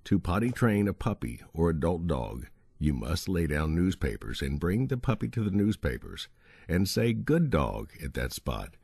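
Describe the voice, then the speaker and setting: A man with a very low, husky voice narrates a training guide in a steady, instructive way, and his pitch moves a great deal. The recording is dry and close. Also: normal speed, no room sound. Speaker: audiobook narrator. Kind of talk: scripted narration of a dog-training book.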